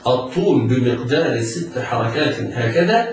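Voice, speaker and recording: A man teaching Quran recitation rules, explaining each sound step by step and chanting the examples slowly. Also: medium pitch, animated, slight background noise. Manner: patient step-by-step explaining, drawn-out chanted demonstrations. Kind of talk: tajweed lesson with recited examples. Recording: very echoey, distant mic, faint music.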